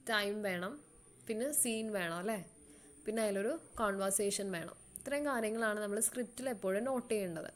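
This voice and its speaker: A woman teacher with a Malayali accent explaining an English lesson to students, slowly repeating words so they can follow. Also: medium pitch, fairly bright tone.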